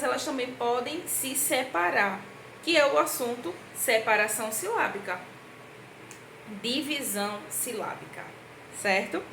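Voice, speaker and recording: A woman's voice: high-pitched, fairly bright tone. Echoey, patient teacher woman. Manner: patient, sing-song teacher talk that checks in often with the children; slow, drawn-out words when spelling out syllables. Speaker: primary school teacher. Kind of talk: recorded review lesson for young children. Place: indoor room at a board, writing with a marker. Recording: echoey room with faint background hiss.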